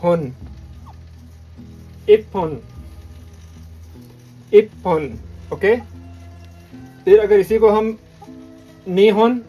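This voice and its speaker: Male teacher, very slow delivery, repeats each word, asks "okay?" often, faint music underneath. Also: high-pitched, fairly even intonation, lo-fi sound. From Pakistan. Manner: repeats words slowly, checks in with "okay?". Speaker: Japanese language teacher. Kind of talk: patient classroom lesson.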